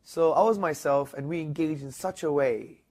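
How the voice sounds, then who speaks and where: A man being interviewed, telling a story in a lively conversational way. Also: moderate pace. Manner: animated, rising high when retelling others' words. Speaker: interview guest.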